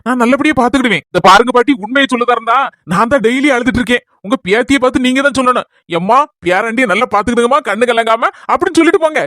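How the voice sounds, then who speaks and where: A man's voice: extremely high pitch, racing, pushed and bright, dry recording, studio quality. A man playing a playful young husband who teases his wife's grandmother in a comedy skit, with a Kanyakumari Tamil accent and joking banter. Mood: teasing. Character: teasing young husband, playful son-in-law.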